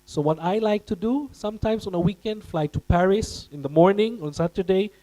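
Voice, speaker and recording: A man's voice: high voice, fairly quick, dark tone, low-quality recording. A man from Austria giving a presentation to students at a career event, speaking directly to his audience and putting questions to them.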